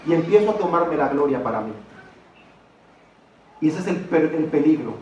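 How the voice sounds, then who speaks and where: High-voiced pastor in an echoey church. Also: male voice, slight background noise. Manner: asks the congregation rhetorical questions. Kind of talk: sermon. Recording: echoey church hall from far off.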